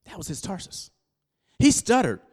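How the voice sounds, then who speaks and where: A man preaching a sermon, quizzing his congregation and building up to loud exhortation. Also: sits high, moderate pace, breathy edge. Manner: call-and-response with the congregation; animated, rising to loud exhortation. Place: church service.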